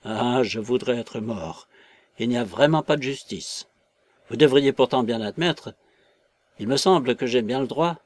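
A man's voice: mid-range voice, animated, unhurried, no room sound, natural voice. A man voicing a timid, self-pitying tramp who groans and pleads in a storybook reading. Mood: plaintive. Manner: plaintive, cowering, self-pitying. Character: whining, timid tramp, middle-aged man.

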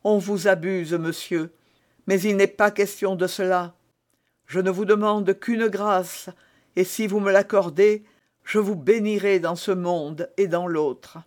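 A man's voice: high voice, fairly even intonation, measured pace. A man reading an audiobook voices a desperate, scheming woman prisoner who pleads and prays in a tearful, theatrical way. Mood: pleading, indignant.

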